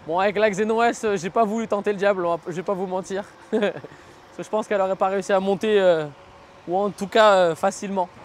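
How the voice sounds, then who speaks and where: Male ride-along vlogger, high voice, slangy and unscripted, thinking aloud outdoors over light road noise. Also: steady tone, fast. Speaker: vlogger reviewing an electric scooter. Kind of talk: casual spoken vlog commentary while riding. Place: outdoors, riding on city roads.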